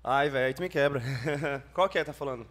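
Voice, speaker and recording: A man's voice: medium pitch, fairly quick, fairly bright tone. A Brazilian man, a native Portuguese speaker with a Brazilian accent, chatting casually and in slang as a musician on a livestream. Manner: slangy, switches between Portuguese and English. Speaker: singer and guitarist performing and chatting with viewers. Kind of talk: casual livestream chat between songs.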